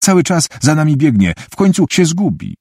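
A man's voice: fairly high pitch, sing-song, a little fast, a little mellow, husky, no echo, clean studio sound, voice pushed up, full character voice. Man voicing a flustered teenage girl. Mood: irritated. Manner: breathless, flustered. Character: shy, self-conscious teenage girl. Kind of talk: audiobook character voice.

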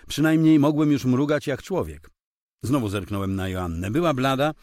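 A man narrating a first-person crime audiobook with a dramatic, expressive reading. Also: fairly low pitch, dry recording, studio quality.

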